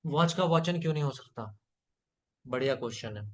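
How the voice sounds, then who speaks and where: A man's voice: medium pitch, fairly quick. A man teaching a live online spoken English class, patiently repeating phrases for learners to echo and praising students by name.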